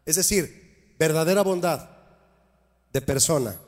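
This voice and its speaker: Man preaching a sermon, high voice, emphatic, rhetorical questions, long hall reverb. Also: a little slow. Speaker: pastor.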